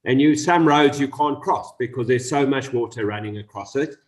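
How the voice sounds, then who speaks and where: Laid-back guy co-hosting, mid-pitched voice, pokes fun at himself. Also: normal speed. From South Africa. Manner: easygoing, self-deprecating. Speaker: co-host. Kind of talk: casual panel chat.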